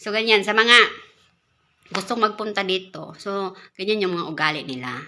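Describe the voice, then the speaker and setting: Casting note: woman from the Philippines, caretaker vlogger, bright voice, chatty and easygoing, stumbles and restarts words. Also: mid-range voice, expressive, moderate pace. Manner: chatty, repeats and restarts words, laughs often. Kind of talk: casual vlog talk.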